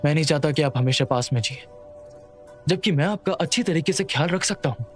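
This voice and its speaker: A man's voice: on the high side, fairly quick, faint music behind, lightly acted. A man dubbing a reserved young businessman who speaks curtly and rationally. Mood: restrained. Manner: curt, restrained, flat. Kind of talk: Hindi dub of a drama.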